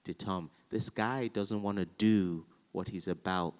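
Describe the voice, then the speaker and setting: A man with a low voice spins a theatre anecdote for a live audience. He tells it with energy and taps out the beat of the verse as he goes. A long reverb from the hall hangs on his words. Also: a little slow, clean tone. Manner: animated storyteller, chants verse rhythms aloud. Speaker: actor. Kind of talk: panel conversation, anecdotal.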